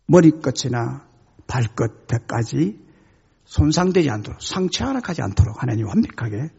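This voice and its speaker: A man's voice: high voice, darkish tone, slightly rough, highs cut off. A male pastor preaching a sermon, telling stories dramatically with sudden emphatic swings.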